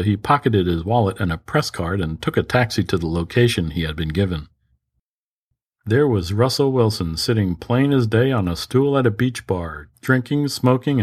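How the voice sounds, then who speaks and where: Low-voiced man reading a crime story. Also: breathy edge. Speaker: narrator. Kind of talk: scripted narration of a crime story.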